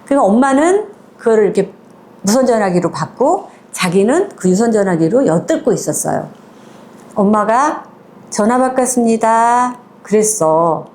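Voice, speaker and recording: A woman's voice: mid-range voice, sing-song, normal speed, a little mellow. A woman retelling a short story in a conversational, chatty way, moving between polite and casual speech and acting out the quoted lines. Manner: acts out quoted lines in small voices.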